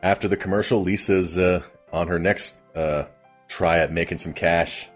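A man's voice: low-pitched, fairly even intonation, moderate pace, soft background music. A man hosting a casual comedic recap of a TV episode, rambling and amused at his own retelling. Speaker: host.

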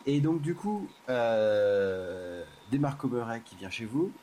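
A man's voice: mid-range voice, lively intonation, takes it slowly, dark tone, slight background noise. A man leading a casual podcast discussion, asking questions in a conversational way.

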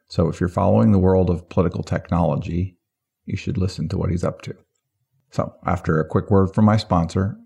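A man's voice: sits low, creaky, dark tone, breathy edge. A man hosting a podcast, opening the show and asking his guest plain, conversational questions. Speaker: podcast host. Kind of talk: podcast intro and interviewing.

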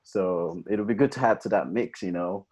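A man's voice: low voice, normal speed, a little mellow, breathy edge. A man hosting a podcast interview in casual chat, enthusiastic and rambling, heard over a video call. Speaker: podcast host.

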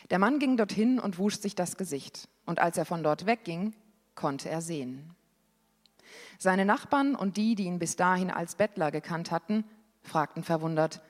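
A woman reading a Bible passage aloud in a church service, with an expressive reading that lifts on the quoted questions. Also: fairly low pitch. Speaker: scripture reader. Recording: long hall reverb.

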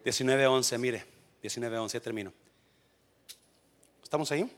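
A Mexican man preaching a sermon with a Mexican Spanish accent, urging the church on, dropping to hushed tones and then shouting, with English phrases mixed in. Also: medium pitch, normal speed. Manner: shouts and sings out exhortations, then drops to hushed intensity. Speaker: pastor.

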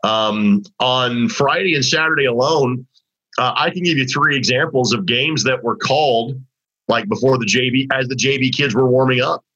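A male sports broadcaster hosts a high school basketball talk segment, rambling casually through restarts and fillers at a moderate pace. His voice is forceful but husky and a little raspy from overuse. The audio sounds dull and lo-fi.

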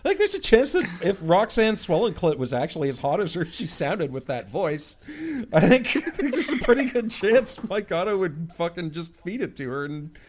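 A man's voice: high-pitched, very animated, moderate pace, a little hiss or hum. A man co-hosting a comedy podcast, talking loosely with laughs and swearing. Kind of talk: casual comedy banter.

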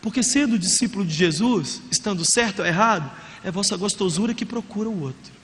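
A Brazilian man preaching with a very high, bright, ringing voice. He is energetic and joking, and he acts out the excuses he quotes. A long church reverb trails his words. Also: fairly quick, a little hiss or hum. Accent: Brazilian Portuguese. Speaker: pastor. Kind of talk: sermon.

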